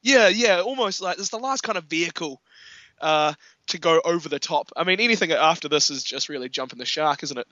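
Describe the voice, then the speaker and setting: A man in casual film chat, animated, laughing often and acting out quotes. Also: on the high side, brisk, no room sound, highs cut off.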